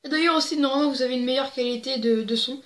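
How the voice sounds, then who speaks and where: Racing along in a high voice, a young woman reads jokes to camera for her joke-telling video. She's casual and giggly, wandering off into rambling, crude asides, and her plugged-in desk microphone picks up an echoey room.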